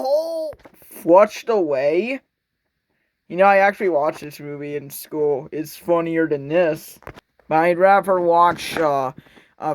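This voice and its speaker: A man's voice: high voice, a bit bright. A young man giving casual, sarcastic commentary on a horror movie, rambling and mocking as he watches. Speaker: reaction video host.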